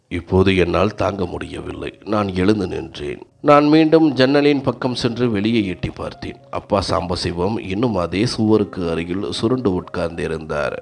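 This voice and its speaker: A man's voice: deep voice, gravelly. A man narrating a scripted family story in the first person, earnest and dramatic.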